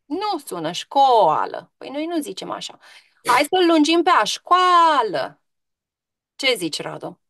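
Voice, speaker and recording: A woman's voice: high-pitched, very animated, gravelly, no room sound, clean studio sound. A woman teacher giving an online grammar lesson to pupils, patient and questioning, stretching out example words.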